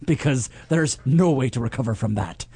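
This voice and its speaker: A man's voice: medium pitch, animated, normal speed, mellow, slightly rough. A tipsy man hosting a comedy podcast in a hammy pirate persona, slurring a little as he banters. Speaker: podcast host.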